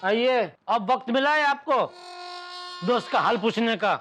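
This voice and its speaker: A man's voice: very high voice, unhurried, a bit bright, a little hiss or hum. A grumbling, tired businessman. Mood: weary. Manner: complaining, theatrical sighs of fatigue. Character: harried middle-aged businessman, grumbling and dramatic. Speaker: actor. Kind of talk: sitcom acting. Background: music.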